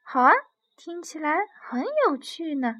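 A woman's voice: high-pitched, a little slow, pushed and bright. A woman voicing a small, cheerful mouse with a light, chirpy manner in a storybook.

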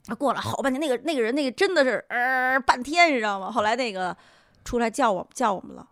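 A woman's voice: fairly high pitch, fast talker, no room sound, studio quality. A woman hosting a podcast, telling a story in casual chat and acting out the voices she quotes. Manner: animated, laughs often, acts out quoted voices. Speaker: podcast host.

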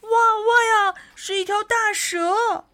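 A woman voicing a crowd of eager little frog brothers who call out excitedly in a storybook. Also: high voice, slow pace, dry recording, pitched above the performer's own voice, full character voice. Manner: excited calling out.

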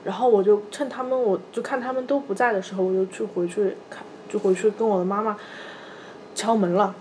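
A woman in her thirties, a podcast co-host, telling a personal story in a soft, halting way, often repeating small fillers. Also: mid-range voice, steady tone, slight background noise. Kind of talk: personal storytelling in casual chat.

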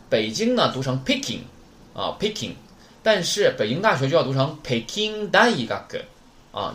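A man's voice: medium pitch, slight background noise. A man teaching a beginner vocabulary lesson in a chatty, teasing way. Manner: lively, chatty, teasing asides. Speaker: Japanese teacher.

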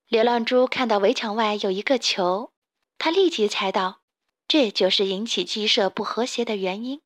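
A woman narrating a children's storybook in an expressive, steady way. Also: medium pitch, moderate pace.

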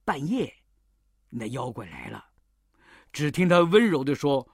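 A storyteller narrating a classic tale for children, expressive and full of sound effects. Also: mid-range voice, a little slow, husky, no echo, studio quality.

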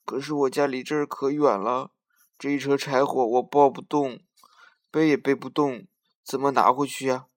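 A man's voice: medium pitch, steady tone, normal speed, close to an everyday voice. A grieving old grandmother pleads in a storybook tale. A man voices her with a plaintive, pleading tone. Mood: sorrowful. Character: weeping, worried old grandmother. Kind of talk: children's storytelling.

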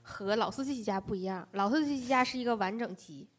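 A woman from Northeast China co-hosting a casual chat, chiming in with quick remarks and affirmations. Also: mid-range voice. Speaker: podcast co-host.

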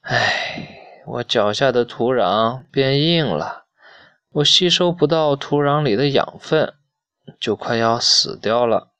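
A sighing, ailing old grandfather poplar tree from a children's storybook, put on by a man reading aloud. He talks slowly and wearily in a dry, close voice. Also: mid-range voice, lively intonation, fairly bright tone, no echo. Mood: weary, sighing. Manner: weary, sighing.

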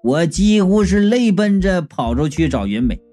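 A woman reading a comic story aloud in an animated, exclamatory storyteller's manner. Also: lowish voice, moderate pace, faint music behind. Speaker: audiobook reader.

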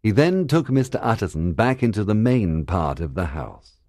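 A man with a very deep, husky voice narrates an audiobook for learners, his pitch rising and falling expressively. The delivery is clear and measured, with a dry close studio sound. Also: sing-song, darkish tone, dry recording.

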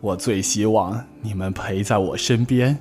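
A warm-hearted old granny bear from a storybook, speaking gently and cheerfully, as a man puts her on. She talks a little lower and quieter, at an unhurried pace. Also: steady tone, faint music behind, close to an everyday voice. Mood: gentle. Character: kind, lonely old grandma bear.

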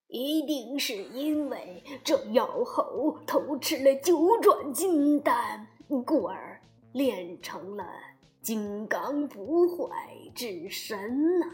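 A woman voicing an old male Taoist sage who gives shrewd advice in a slow, measured way in a storybook reading. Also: on the high side, a little mellow, heavily acted.

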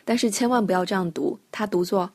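A woman English teacher talks through vocabulary in a clear, patient way and spells words out letter by letter. Her voice sounds close and dry, with no room sound at all. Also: mid-range voice, fast talker, a little mellow, no echo. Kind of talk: podcast English lesson for Chinese learners.

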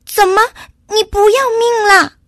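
A woman voicing an excitable little squirrel in a storybook, shrill and urgent. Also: unhurried, no room sound, exaggerated voice. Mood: alarmed. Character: excitable small squirrel, loud and alarmed.

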